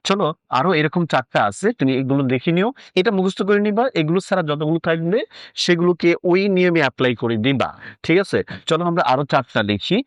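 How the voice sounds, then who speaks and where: A man's voice: on the high side, quick pace, dry recording. A man teaching an English grammar lesson, talking to the student informally and asking then answering his own questions.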